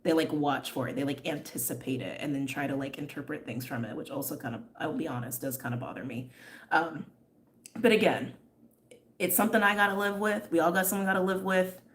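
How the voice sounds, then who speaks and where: Her voice sits low and keeps a steady tone, with a slight asthmatic wheeze. This young tarot reader hosts a livestream, talking openly, reading viewer comments aloud, and filling her speech with fillers and quick laughs.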